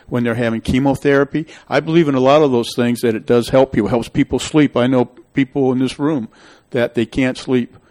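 A middle-aged local official hosts a public meeting show, rambling and emphatic as he voices his opinions in a town meeting discussion. His voice is medium-pitched with a darkish tone.

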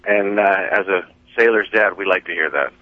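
A man's voice: low-pitched, moderate pace, dry recording. A man calling in to a talk radio show over the phone, folksy and rambling. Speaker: caller. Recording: dull phone line.

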